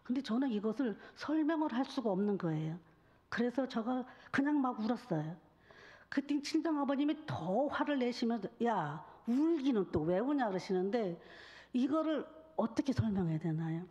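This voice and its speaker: A woman evangelist giving a sermon testimony, telling her story in an intimate, often hushed way. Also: on the high side, animated, moderate pace, lo-fi sound.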